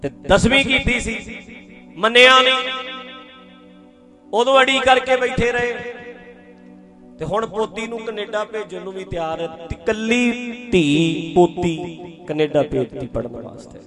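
High-voiced preacher. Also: male voice, measured pace, pauses often. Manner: animated storyteller acting out quotes, addressing listeners directly. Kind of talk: sermon to a congregation. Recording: sermon with loud music behind. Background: clear background music.

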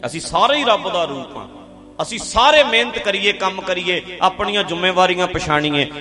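A man from India giving a public talk on religion, stressing points by repeating phrases and putting questions to the audience. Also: sits high. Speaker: speaker addressing an audience.

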